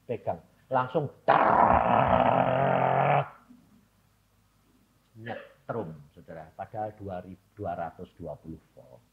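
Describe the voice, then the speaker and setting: A man preaching a sermon, swinging between loud exclamations and hushed asides. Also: mid-range voice, vocal fry, dull audio, slight background noise. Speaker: pastor.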